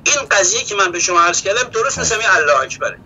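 Male studio guest with a high, ringing voice, an animated storyteller who acts out dialogue. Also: slight background noise, low-quality recording. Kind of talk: impassioned storytelling commentary.

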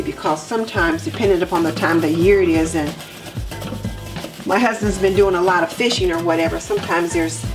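A woman in her home kitchen, walking viewers through cleaning her sink step by step in a relaxed, practical way. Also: lowish voice. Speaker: homemaking vlogger. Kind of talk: cleaning tutorial narration. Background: background music.

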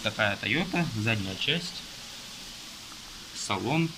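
A young man casually reviewing a car magazine page by page, listing items in a halting way with fillers, filmed on a phone at a table indoors while rain falls outside. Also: on the low side, animated, gravelly, noisy background. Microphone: phone camera filming from above.

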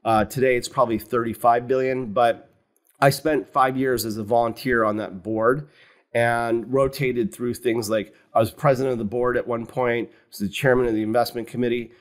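An American man in his fifties, a fund founder, joins an interview by webcam from a home office with wooden cabinets. His mid-range voice stays calm and measured as he explains his career, often saying "you know" in this conversational exchange.

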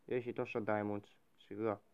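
A man's voice: fairly low pitch, flat delivery, gravelly, clear, resonant tone, lo-fi sound. Bossy young man playing pirate captain. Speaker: gaming YouTuber. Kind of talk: Minecraft role-play commentary.

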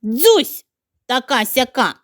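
A woman's voice: a little high, very animated, measured pace, fairly bright tone, no echo, clean studio sound. A woman voicing a mischievous, greedy young pig who is passing himself off as a boy in a storybook tale, with a grumbly, rude, self-satisfied manner.

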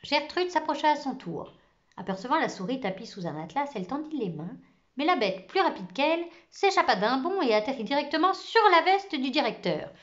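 Woman reading a kids book out loud, bright voice, dull lo-fi recording. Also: high voice, fairly quick. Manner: expressive, drops to a hush for tense moments. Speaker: storyteller. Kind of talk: children's book read aloud.

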